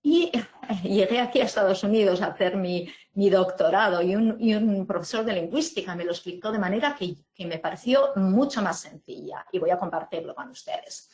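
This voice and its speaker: A woman's voice: mid-range voice, moderate pace, a little mellow. Woman from teaching a webinar. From Spain. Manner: explanatory, many fillers and tag questions. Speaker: webinar presenter.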